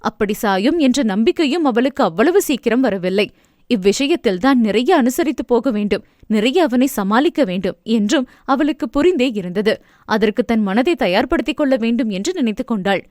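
A woman narrating a novel aloud in a steady, expressive reading. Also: on the high side, normal speed, no room sound, clean studio sound. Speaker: audiobook narrator.

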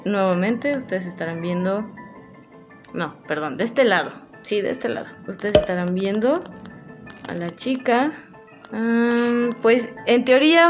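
A woman with a Mexican accent chatting casually and playfully to her viewers while doing her makeup, laughing often. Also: a little high. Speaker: makeup vlogger. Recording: dull lo-fi with faint music.

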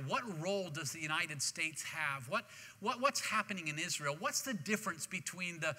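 Animated high-voiced male preacher in a hall. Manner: animated preaching with repeated restarts. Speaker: pastor. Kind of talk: sermon. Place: church sanctuary. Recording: long reverb of a church hall.

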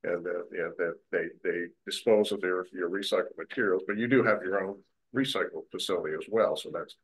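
A man from town staff talking haltingly with many fillers at a council meeting. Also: sits low, breathy edge, rough recording. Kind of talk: public meeting discussion.

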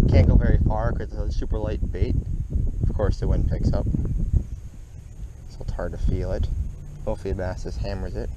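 A young man with a Midwestern American accent giving upbeat casual commentary while fishing from a kayak on a lake, recorded on a head-mounted action camera. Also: lowish voice. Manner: upbeat, chatty, talks while working the rod. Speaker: fishing vlogger. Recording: noisy outdoor camera audio.

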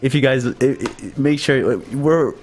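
A man's voice: mid-range voice, unhurried, crowd noise. A young man streaming live, overexcited, stammering and laughing often between words. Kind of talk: excited live stream chat. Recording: faint background music.

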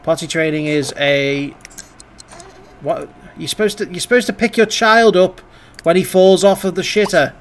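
A man's voice: sits high, normal speed, slight background noise. A man streaming a life-sim game, giving wry, chatty commentary and swearing casually.

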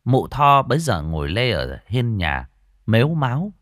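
Dramatic low-voiced male storyteller. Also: sing-song, unhurried, fairly bright tone, no echo, studio quality. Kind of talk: ghost story narration.

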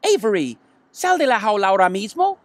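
A man's voice: high-pitched, huge pitch swings, measured pace, fairly bright tone, no room sound, pitched above the performer's own voice, full character voice. A man reading a storybook aloud, voicing a stern farm mother who scolds and gives orders. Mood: scolding. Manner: commanding, scolding.

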